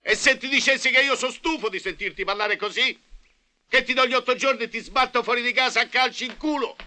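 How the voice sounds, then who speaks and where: A man's voice: on the high side, very animated, normal speed, pushed and bright, heavily acted. A whiny macho businessman. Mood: blustering. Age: middle-aged. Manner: plaintive, wheedling, then blustering. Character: self-pitying middle-aged macho businessman, whiny. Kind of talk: 1980 film comedy acting.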